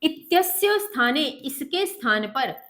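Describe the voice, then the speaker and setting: Woman teacher, high voice, slow measured delivery, patient word-by-word explanation. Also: sing-song, a bit bright. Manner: patient, repeats each word then its meaning.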